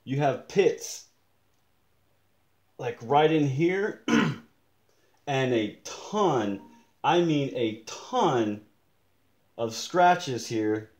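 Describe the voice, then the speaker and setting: Man, slow deliberate talk, roomy echo, casual show-and-tell. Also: medium pitch, lively intonation, darkish tone. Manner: slow, deliberate, pointing things out, occasional frustrated mutters. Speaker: customer showing watch damage. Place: indoors at a desk in a room.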